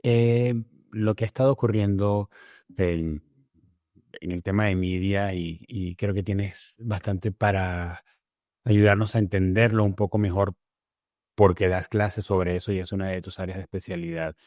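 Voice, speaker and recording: A man hosting a podcast interview, affirming his guest and asking slow, searching questions. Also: sits low, steady tone, darkish tone, no room sound, clean studio sound. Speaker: podcast host.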